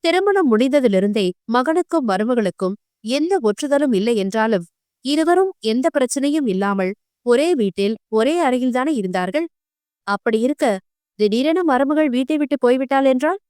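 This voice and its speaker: A woman reads a novel aloud as a storyteller, her voice fairly high and even. The sound is close and dry, with no room around it. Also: clear, resonant tone, no echo. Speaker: audio novel narrator. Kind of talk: scripted storytelling narration.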